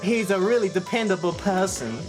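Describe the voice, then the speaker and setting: A woman reading game dialogue aloud among friends, halting and stumbling over the lines. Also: medium pitch, lively intonation, over music.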